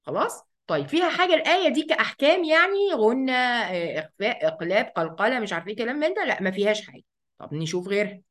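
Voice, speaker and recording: A woman with an Egyptian accent teaching the rules of Quran recitation, chatting casually, asking and answering her own questions and reciting verses slowly. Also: a little high, big pitch swings. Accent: Egyptian Arabic. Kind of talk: tajweed lesson.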